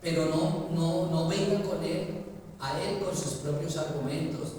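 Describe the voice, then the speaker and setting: High-voiced preacher guy, questions the congregation a lot, big booming hall reverb from far off. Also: a little slow. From Colombia. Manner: preaching with sudden loud climbs and pleading cries. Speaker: pastor. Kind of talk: sermon. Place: church hall. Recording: echoey church hall from far off, noisy.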